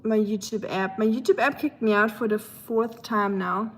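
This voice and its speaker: Dishes and cutlery clatter as a young woman with a German accent talks to her stream chat from her home kitchen. She's chatty and casual, with a slightly high voice at a moderate pace.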